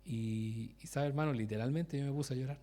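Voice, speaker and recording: A preacher with a medium-pitched, warm voice talks a little fast through a conversational sermon. He often breaks off mid-sentence, asks the congregation direct questions, and laughs at his own stories.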